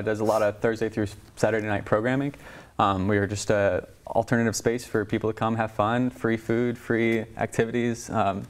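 A young man, a student leader, answering interview questions in an upbeat way with lots of ums. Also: lowish voice. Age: young adult. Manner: upbeat, many ums, laughs easily. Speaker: student union board president, guest.

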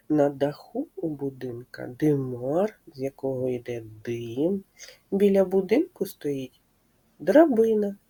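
A woman speech therapist giving a slow, clear lesson to preschool children, patiently asking questions and confirming their answers. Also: very deep voice, warm tone.

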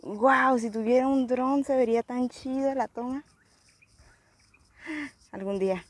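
A young female vlogger with a Mexican Spanish accent chats casually and exclaims while filming outdoors in rural cornfields. Her voice is warm and fairly high, her pace measured, and there's no room sound.

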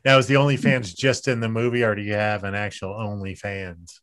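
A man hosting a podcast, chatting casually, agreeing often and asking the guest relaxed questions. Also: fairly low pitch, a little fast. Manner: easygoing, lots of short agreeing "yeah"s and laughs. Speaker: podcast host.

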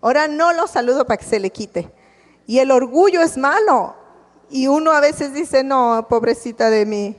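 A woman's voice: high voice, animated, normal speed. A woman preaching a sermon, telling stories and acting out the dialogue. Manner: storytelling with acted-out dialogue. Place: church. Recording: live church recording with long reverb.

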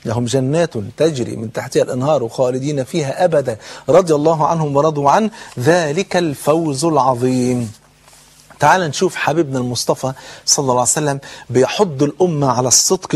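Fast-talking husky Egyptian preacher in his sixties. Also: on the high side. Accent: Egyptian Arabic. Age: 60s. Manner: storytelling, acts out quoted dialogue, shifts between hushed and raised tones. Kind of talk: religious lecture.

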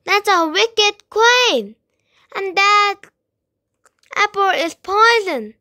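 A woman's voice: very high-pitched, lively intonation, drawn-out words, bright, forceful tone, no room sound, studio quality, pitched above the performer's own voice, full character voice. A woman voicing a kind, eager young girl in a storybook reading. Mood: alarmed. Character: sweet, eager little girl.

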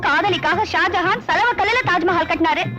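A pouty young woman from an old film, with a very high voice and a scolding, sharp tongue. Clear film music plays under her lines. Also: moderate pace, dull audio. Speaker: daughter and girlfriend. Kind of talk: 1980s film dialogue.

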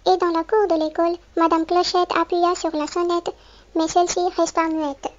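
A woman reading a children's picture book aloud, clearly and expressively, as if to a young child. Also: extremely high pitch, flat delivery, moderate pace, lo-fi sound. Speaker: storybook reader.

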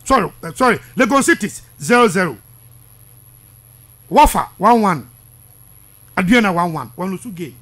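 A man in his thirties with a Ghanaian accent hosts sports radio in a high-pitched, slightly bright voice with lively intonation. He speaks at normal speed but pauses often, heatedly and repetitively insisting on his points while mixing languages. He's close to a studio mic in a small radio studio.

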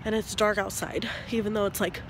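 A woman's voice: mid-range voice, flat delivery, fairly quick, background noise. A young woman in her twenties chatting casually to camera for her vlog, her voice stuffy from a cold. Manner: chatty and upbeat, with many "like"s. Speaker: vlogger.

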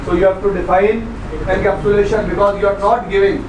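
A man's voice: high-pitched, steady tone, a little fast, background noise. A man with a North Indian accent giving a classroom technical lecture, repeating questions and often checking that learners follow. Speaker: networking instructor. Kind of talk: classroom lecture with on-screen demonstration.

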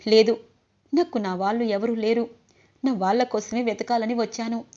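Heartbroken young woman pleading, read out by a lady, high voice, dull audio. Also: fairly even intonation, moderate pace, dark tone, close to an everyday voice. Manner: pleading, emotional.

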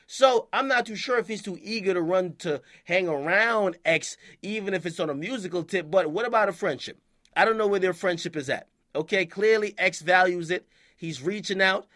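A young man giving casual hip-hop news commentary, animated and slangy with profanity, often tacking on "okay?". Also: sits high, normal speed.

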